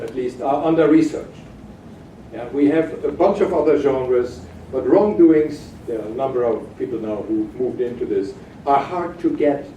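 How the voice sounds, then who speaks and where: A man giving a halting academic keynote lecture, with frequent hesitations, in a conference room. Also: on the high side, warm tone. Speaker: keynote speaker. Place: hotel conference room, at a lectern. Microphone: far camera at back of room. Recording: echoey distant room recording with noise.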